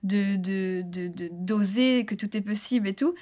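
A woman from France, a guest in a casual interview, telling a story in a lively, chatty way with many restarts and fillers. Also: medium pitch, a little slow. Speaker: interview guest, former beauty pageant contestant.

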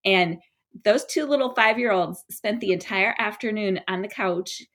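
A woman's voice: mid-range voice, normal speed, a bit bright. A woman hosting a conversational interview, engaged and sharing her own memories with her guest. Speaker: host.

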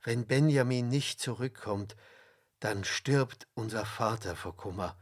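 A man reading aloud, voicing a humble adult brother pleading softly before a ruler in a storybook. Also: medium pitch, a little slow, breathy edge.

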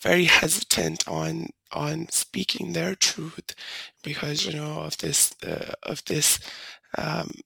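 A young woman from Nepal, a podcast guest whose voice runs through a disguise filter that makes it deeper, talking hesitantly with many fillers and restarts. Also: fairly even intonation, slow, vocal fry, pushed and bright, breathy edge, no room sound, low-quality recording. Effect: voice disguise filter, pitched down to sound deeper. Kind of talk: interview conversation.

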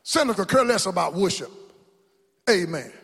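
Preaching man, high lively voice. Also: normal speed, creaky, slightly rough. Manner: call-and-response preaching, swings to shouts. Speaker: pastor. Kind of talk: sermon. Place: church sanctuary. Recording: long hall reverb.

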